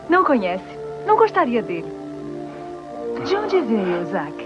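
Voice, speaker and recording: Candid young woman, lively pitch, soft film sound. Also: takes it slowly, lo-fi sound, over music, heavily acted. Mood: gentle. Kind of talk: Brazilian Portuguese film dubbing.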